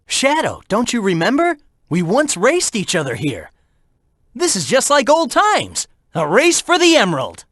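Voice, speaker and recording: A young male hedgehog hero in an action video game, brash and upbeat. The pitch swings wildly through short, slangy, energetic battle callouts. The sound is dry and studio-tight, and the delivery is cocky and urging. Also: dry recording, full character voice. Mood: cocky, teasing.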